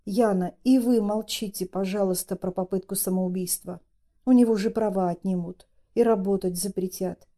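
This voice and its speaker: Женщина в роли строгой нервной жены. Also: female voice, medium pitch, steady tone, normal speed, warm tone, lightly acted. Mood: stern. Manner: stern, pressing. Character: stern, nervous middle-aged wife.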